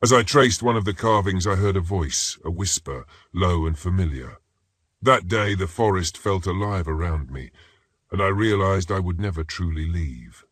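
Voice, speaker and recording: Deep, husky horror story narrator. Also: male voice, normal speed, a bit bright, dry recording. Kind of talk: scripted first-person narration.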